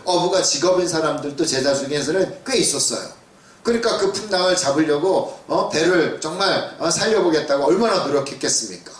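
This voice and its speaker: A man preaching as a church pastor, talking casually with the congregation, asking rhetorical questions and acting out what people say. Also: a little high. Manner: conversational preaching with rhetorical questions and acted-out quotes. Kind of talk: sermon. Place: church sanctuary. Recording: roomy sound from a distance.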